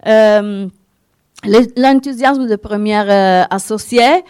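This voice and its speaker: Representing a winegrowers' association, a woman presents at a conference in French, which isn't her native language; her Italian accent is noticeable and she goes slowly, hunting for words. Her medium-pitched voice is smooth, clear and a little mellow, captured close and dry without echo.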